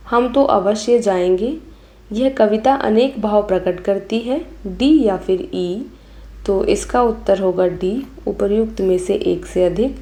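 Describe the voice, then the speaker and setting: Woman teacher, measured exam walkthrough, warm low timbre. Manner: reads each option then gives the answer.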